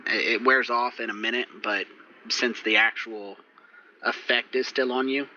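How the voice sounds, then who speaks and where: A man recapping last session as game master, relaxed and rambling with fillers, over muffled voice chat audio. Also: medium pitch, moderate pace, a little hiss or hum. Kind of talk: recapping and running a tabletop game.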